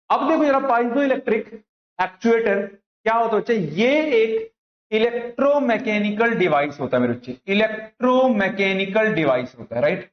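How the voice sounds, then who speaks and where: A man teaches an electronics class in a high voice, going over each point several times. He keeps asking questions and then answering them himself, and he calls his students "my child." The sound is roomy and slightly dull, like a lo-fi classroom recording. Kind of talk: online classroom lecture. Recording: echoey, dull lo-fi room recording.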